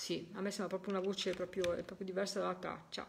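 A woman's voice: lowish voice, flat delivery, quick pace, creaky, heavy background noise. A woman hosting a live spiritualist session, talking straight to her viewers, coaxing them to listen and exclaiming her delight again and again, physically tired. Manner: effusive, exclaims delight repeatedly; coaxing, addresses listeners directly. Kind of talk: live-stream commentary to viewers.

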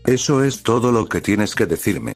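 A man voicing a hot-tempered, protective older sister who scolds and shouts. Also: fairly low pitch, lively intonation, normal speed, faint music behind. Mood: angry.

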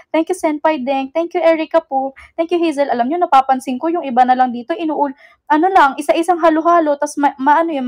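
A young woman from the Philippines hosts an idol livestream, chatting casually and teasing her viewers. Her voice is high and a little mellow, and she laughs often while code-switching with English.

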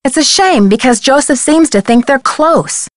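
In video game dialogue, a woman voices an earnest, inquisitive young amateur detective, speaking articulately with an earnest, curious mood. Her high, expressive voice moves at a moderate pace, with no echo.

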